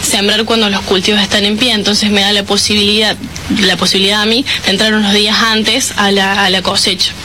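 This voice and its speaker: A woman's voice: mid-range voice, level tone, a little fast, pushed and bright, a little hiss or hum. A woman in her twenties from Córdoba with an Argentine accent, explaining her work as an engineer in an interview. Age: 20s. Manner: explanatory, with fillers like "digamos". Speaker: agricultural engineer, guest. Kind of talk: interview answers.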